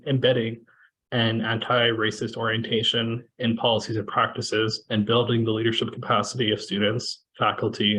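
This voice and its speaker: A man from Kenya moderating a panel discussion over a video call, talking in a measured way with many fillers. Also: on the low side, a bit bright, slight background noise, rough recording. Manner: measured, with frequent fillers and restarts.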